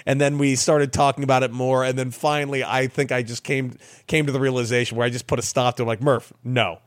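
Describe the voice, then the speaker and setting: A man's voice: mid-range voice, fast, clear, resonant tone, no room sound, clean studio sound. A young adult man, a baseball player and guest, casually telling a funny story and acting out what others said. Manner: lively, laughing storyteller who acts out quotes.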